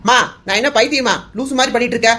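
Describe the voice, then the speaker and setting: A woman's voice: a little high, fast, a bit bright, slight background noise, close to an everyday voice. A woman voicing a hot-tempered young man in a cartoon serial, who speaks in a bitter, accusing way while grieving his father.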